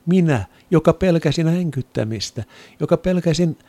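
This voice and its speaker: A man giving an earnest, reflective spoken testimony of faith, sometimes dropping to a soft near-whisper. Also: a little high, animated, no room sound. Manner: earnest, reflective storytelling with quoted inner thoughts.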